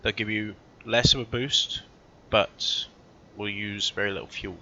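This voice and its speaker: A man's voice: on the low side, steady tone, unhurried, sharp tone, a little hiss or hum. A man giving casual let's-play commentary, thinking aloud as he plays and often correcting himself mid-sentence. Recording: dull lo-fi recording.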